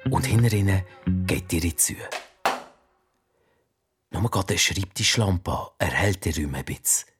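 Man, children's story narrator, lively pitch, unhurried, faint music behind. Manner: slow, lively, expressive.

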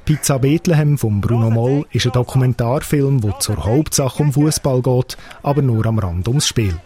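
A man's voice: mid-range voice, moderate pace, warm tone. A man with a Swiss German accent narrating a scripted radio review as a critic.

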